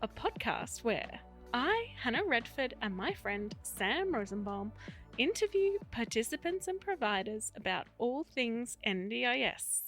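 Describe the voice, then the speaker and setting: A woman's voice: a little high, very animated, measured pace, fairly bright tone, soft background music. A woman hosting a podcast, upbeat and enthusiastic in casual chat. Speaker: podcast host.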